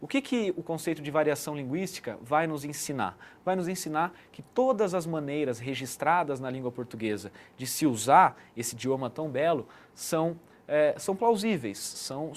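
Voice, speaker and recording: A man giving an explanatory online lesson as a teacher, checking in with the listener often. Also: a little high. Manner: didactic, frequent "né" tag questions.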